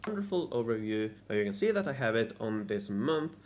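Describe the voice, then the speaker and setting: A man's voice: on the low side, sing-song, fairly quick, background noise. A man narrating a scripted recap of his strategy game week, restarting and repeating his lines. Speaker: gaming video creator.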